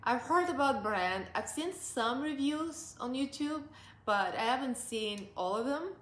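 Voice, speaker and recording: Seated on her sofa at home, a beauty vlogger in her forties from Russia talks through a makeup review in accented English. Her high-pitched voice is animated yet unhurried, she laughs a lot and keeps things cheerful, and the room sounds roomy.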